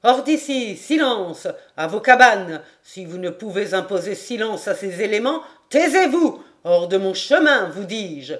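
A woman reading the part of a learned, excitable gentleman declaiming a quotation in an audiobook. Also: sits high, normal speed, few pauses, close to an everyday voice.

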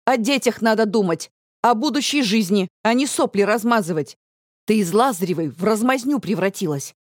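Woman doing a mad yelling mom, harsh and loud, scolding nonstop, dry close sound. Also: mid-range voice, moderate pace, no echo, natural voice. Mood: furious. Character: angry scolding middle-aged mother.

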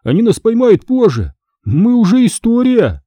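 A jumpy boy sidekick fires off nervous quips in a high, springy voice, as a man puts him on. The sound is dark and a little husky, and the room is dry. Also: wildly swooping pitch, no room sound, full character voice. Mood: jittery. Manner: jittery, quick quips. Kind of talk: audiobook character reading.

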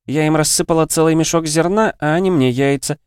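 A man's voice: on the high side, a little fast, smooth, no echo, clean studio sound, voice pushed up, natural voice. A man reading an audiobook, voicing a cheerful, teasing young woman cooking breakfast. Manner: bright, teasing, lively.

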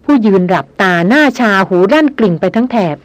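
An audiobook narrator reading a novel in a steady, measured way. The voice is in a middle register. The recording is dry and close, with no room echo. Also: mid-range voice.

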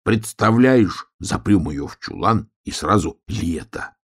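A man's voice: low voice, animated, slow pace, breathy edge, full character voice. A man voicing a small, clever, plotting hedgehog in a children's storybook reading. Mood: eager, plotting.

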